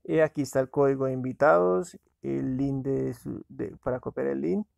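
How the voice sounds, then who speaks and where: A man's voice: medium pitch, fairly even intonation, moderate pace, creaky, a little mellow, no room sound. A man casually narrating a screen-recorded app walkthrough, talking to viewers as friends. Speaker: app reviewer.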